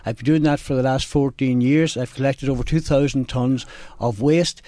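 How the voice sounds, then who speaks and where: A man with a Donegal accent speaks as a candidate in a live radio interview. His delivery is halting, circling back over phrases, at a middling pitch. The studio sound is close and dry. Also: fairly even intonation, dark tone, no room sound. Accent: Donegal Irish. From Donegal, Ireland. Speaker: election candidate, independent councillor. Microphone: studio microphone.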